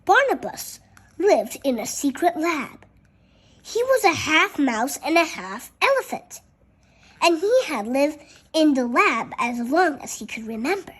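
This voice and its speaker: Reading a picture book aloud, this storyteller goes carefully and haltingly, breaking off for chatty, childlike comments on the pictures. The voice is high, sing-song and fairly bright.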